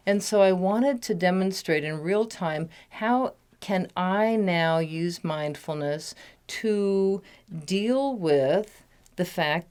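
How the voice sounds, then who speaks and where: A woman, a meditation teacher, leading a guided mindfulness meditation over a phone call. She speaks gently and keeps talking steadily. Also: fairly low pitch, smooth. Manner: gentle, talks a lot to cover background noise.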